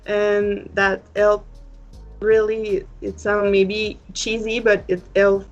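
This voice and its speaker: A French-speaking woman in her thirties from northern New Brunswick with an Acadian accent, chatting as an interview guest in halting English. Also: medium pitch, little pitch movement. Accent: Acadian French Canadian. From northern New Brunswick, Canada. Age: 30s. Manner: halting non-native English phrasing. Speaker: pageant guest. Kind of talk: casual interview chat. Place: indoor room at home, video call. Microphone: webcam video call. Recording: muffled lo-fi video call, music behind.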